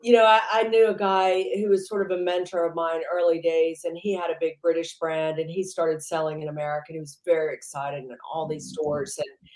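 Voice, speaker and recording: A woman with a lowish voice chats loosely as an interview guest, circling her points and filling gaps with "you know". The recording has a noticeable roomy echo. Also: flat delivery, a little fast, darkish tone. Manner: rambling, heavy use of "you know". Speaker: entrepreneur guest. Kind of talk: casual interview chat.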